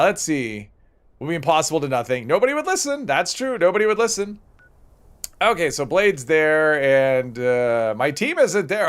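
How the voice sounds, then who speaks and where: A man's voice: a little high, fairly bright tone. A man hosting a livestream, casually thinking aloud as he plays and rambling off into conversational asides. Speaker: livestream host.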